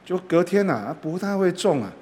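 A man preaching a sermon, telling a folksy story in a gentle way and often dropping short filler sounds between phrases. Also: high voice, big pitch swings, normal speed, a little hiss or hum. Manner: frequent filler particles like "ah" and "ha".

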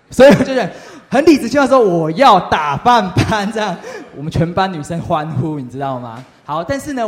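A young man tells a lively testimony story to a youth group, often asking the audience questions. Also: fairly high pitch. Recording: reverberant hall.

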